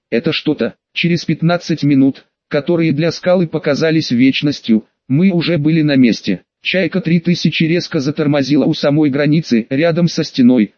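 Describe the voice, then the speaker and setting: A man narrating an audiobook in an even storytelling manner. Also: a little high, dry recording. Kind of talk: scripted narration. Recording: dry, dull lo-fi studio read.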